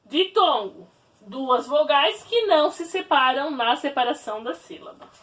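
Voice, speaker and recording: A woman teacher giving a grammar lesson, spelling words out slowly and patiently. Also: sits high, expressive, fairly bright tone, recorded from a distance. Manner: slow, spelled-out explaining.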